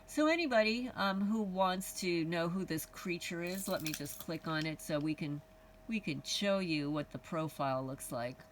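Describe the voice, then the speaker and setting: A woman's voice: fairly low pitch, lively intonation, moderate pace, far from the mic, slight background noise, poor audio. Chatty Kentucky woman vlogging. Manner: chatty, rambling, many ums and restarts. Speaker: homesteading channel vlogger. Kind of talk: casual vlog talk to viewers.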